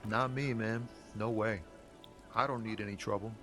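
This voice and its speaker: A mellow, drawling drifter, played by an actor in a video game, easygoing and rambling, a former druggie who calls everyone man. Clear game music and rain run behind him. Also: fairly low pitch, steady tone, normal speed, natural voice. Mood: nervous.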